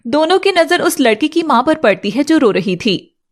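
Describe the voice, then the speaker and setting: A woman narrating a scripted village story in an even, descriptive way. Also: high voice, normal speed.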